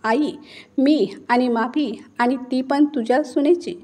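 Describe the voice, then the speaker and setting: A woman's voice: high voice, slow pace, warm tone. A woman voicing a stubborn, sullen grown son. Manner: stubborn, sulky.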